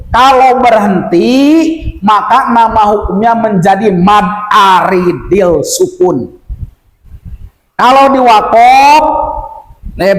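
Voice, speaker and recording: A man from West Kalimantan teaching Quran recitation rules to village men, explaining patiently and chanting verses slowly to demonstrate. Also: high-pitched. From West Kalimantan, Indonesia. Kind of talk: tajwid lesson for village men. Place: village prayer gathering room. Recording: echoey room.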